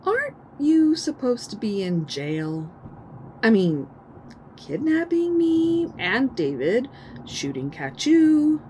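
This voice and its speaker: A woman's voice: on the high side, very animated, slow pace, warm tone, slight background noise, low-quality recording. A woman playing a nervous, emotional young woman in a naturalistic screen drama, hesitant in her speech. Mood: bitter, incredulous.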